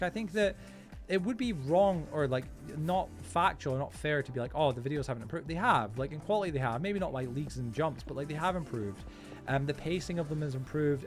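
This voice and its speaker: A man chatting casually on a gaming livestream in a rambling, nonstop stream of informal, slangy talk to his viewers. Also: a little high. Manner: informal, slangy, often addressing viewers as bro, man, dude.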